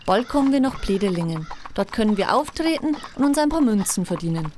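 An actress playing a practical, gently reproving travelling player in an audio drama. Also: female voice, mid-range voice, lively intonation, a little fast, background noise, lightly acted. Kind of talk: scripted audio drama acting.

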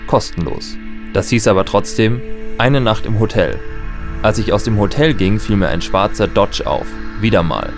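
A man's voice: on the low side, normal speed, over music, lightly acted. An actor playing a nostalgic, wary man in a futuristic smart home, narrating and talking in a musing, conversational radio drama style. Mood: wry, reflective. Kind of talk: radio drama narration and dialogue in first person.

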